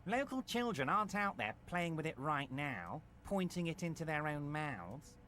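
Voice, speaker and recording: A high, sing-song fussy businessman, game dialogue, music under. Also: sing-song, normal speed, pushed and bright. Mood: reassuring. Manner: soothing, overly reassuring. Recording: game audio with music behind.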